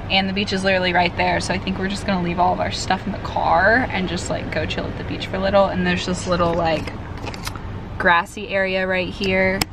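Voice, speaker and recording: A young woman talking casually and cheerfully into a handheld camera while traveling, with lots of fillers. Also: fairly low pitch. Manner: chatty, upbeat, filler-heavy. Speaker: vlogger. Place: car and outdoors, on the move. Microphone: handheld camera or phone. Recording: noisy handheld recording, car noise.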